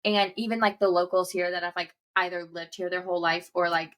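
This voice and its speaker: Bright-voiced chatty young woman. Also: on the low side, fairly even intonation, fairly quick. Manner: chatty, storytelling with lots of "like". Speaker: podcast co-host. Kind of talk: casual chat.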